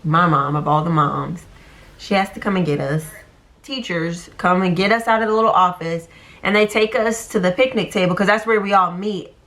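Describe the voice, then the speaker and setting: Chatty young woman, bright voice. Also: on the low side, normal speed. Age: young adult. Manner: chatty, animated, lots of "like" and "um". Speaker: storyteller. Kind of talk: casual storytime vlog.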